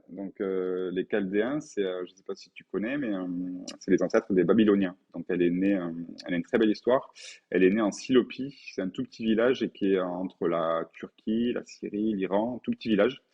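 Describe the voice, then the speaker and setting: Fast, low-voiced, husky man. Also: muffled recording. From France. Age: 40s. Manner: earnest, repeats words for emphasis. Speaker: podcast guest, painter. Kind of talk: conversational interview.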